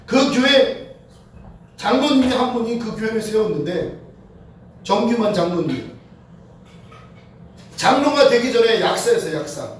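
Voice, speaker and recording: Fervent high-voiced woman preaching in an echoey hall. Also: lively intonation, a little slow, pauses often, slight background noise. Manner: fervent, swings between shouted prayer and quiet storytelling. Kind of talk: sermon with storytelling. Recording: echoey hall heard from a distance.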